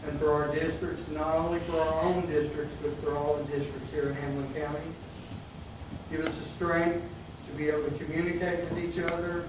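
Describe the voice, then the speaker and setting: Flat-toned man praying in echoey room. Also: fairly high pitch. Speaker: commissioner leading prayer. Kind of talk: public prayer. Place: indoor meeting room. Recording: very echoey, distant, noisy room.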